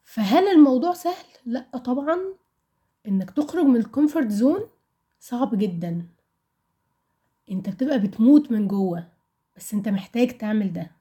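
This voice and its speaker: A young woman around twenty speaks Arabic with an Egyptian accent. Her voice sits a little high, with a warm, relaxed tone. She talks like someone casually sharing personal reflections with listeners, candid and conversational, often putting questions to herself. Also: brisk, pauses often. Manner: candid, conversational, asks rhetorical questions and answers them.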